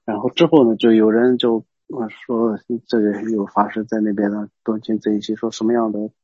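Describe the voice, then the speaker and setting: A man giving a Buddhist teaching as a story, hesitant, pausing often and explaining as he goes. The recording is dull and lo-fi. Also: lowish voice, flat delivery, a little mellow, slightly rough, no echo. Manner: hesitant, many pauses and restarts, explaining as he goes.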